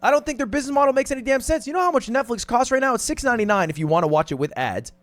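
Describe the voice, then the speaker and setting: A high-pitched man delivers blunt video commentary with big swings in intonation. He is exasperated and swears freely, and the recording is close and dry. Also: animated, rapid-fire, dry recording. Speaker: online commentator. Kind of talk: animated opinion video commentary.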